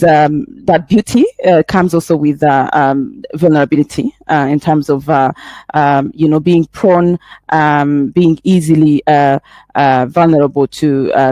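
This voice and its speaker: A woman's voice: low voice, darkish tone, dry recording. A woman from Rwanda giving a webinar presentation, earnest and full of fillers as she presses through her points. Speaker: presenter for a young professionals group.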